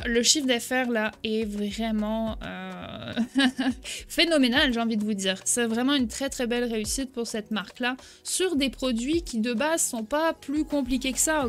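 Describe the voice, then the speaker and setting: A woman, giving a chatty screen-share tutorial as an e-commerce coach, often checking in with "ok?". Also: fairly high pitch. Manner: chatty, frequent "ok?" check-ins.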